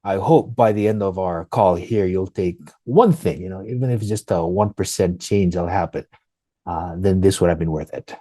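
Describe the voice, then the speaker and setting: A man from Fiji with a Fijian accent chats casually as an interview guest, telling stories in an informal, conversational way and often saying "man" and "you know." His voice is low and mellow at a moderate pace, with no room sound.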